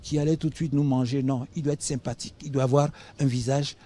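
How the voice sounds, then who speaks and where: A man's voice: medium pitch, steady tone, fast talker, warm tone. A man from Benin explaining speaking skills on a studio talk show, teaching patiently and spelling words out. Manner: didactic, spells out words, asks "hein?". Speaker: guest expert on public speaking. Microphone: studio mic.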